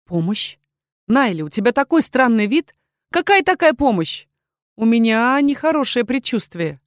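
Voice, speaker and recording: A woman's voice: a little high, very animated, moderate pace, no room sound, studio quality, voice pushed up. A woman reading an audiobook, voicing a nervous, prim young woman student who fires off anxious questions. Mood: puzzled. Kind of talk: audiobook character voice.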